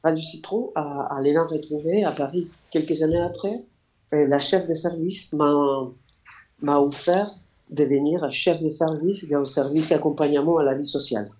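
A man's voice: fairly high pitch, a little mellow. Interview guest, male, hesitant and full of fillers, lo-fi sound. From Argentina. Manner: halting, searching for words, many fillers. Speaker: guest, radio project founder. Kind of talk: interview answers. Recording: dull lo-fi sound.

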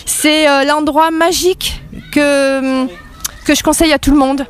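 A French woman in her fifties, interviewed on local radio, talks eagerly and rambles with many fillers in a casual interview. Her voice is high, her delivery flat, and her pace measured.

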